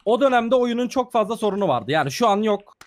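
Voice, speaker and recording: A man's voice: high-pitched, very animated, quick pace. A young man playing a game with a friend, teasing him and cracking mock-serious jokes. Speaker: guest gamer. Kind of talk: casual gameplay chat with a friend.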